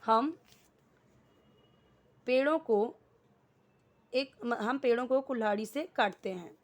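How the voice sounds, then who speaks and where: A woman teaches English grammar, going word by word and explaining each one in Hindi. She speaks at a slow, unhurried pace. Now and then she asks a question and answers it herself. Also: a little high.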